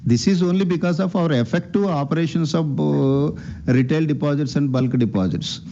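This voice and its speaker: An Indian man, a bank executive, fields questions on an earnings call through a muffled, narrow conference line. He speaks at a moderate pace in a fairly high, dark voice touched with vocal fry, politely deferring, restating points, and frequently addressing people as "sir."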